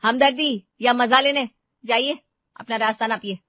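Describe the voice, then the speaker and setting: A woman doing a shouting, scolding housewife. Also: fairly high pitch, lively intonation, normal speed, no echo, voice pushed up. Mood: scornful. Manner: harsh, shouting, sarcastic. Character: angry scolding young housewife. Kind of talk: cartoon storybook voice acting. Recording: dull lo-fi voice track.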